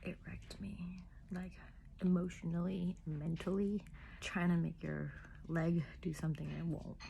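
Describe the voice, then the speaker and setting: Young woman vlogger, low gravelly voice, soft and near-whispered delivery, noisy home recording. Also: level tone, normal speed. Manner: soft, low-key, filler-heavy, sometimes near a whisper. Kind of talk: casual vlog narration.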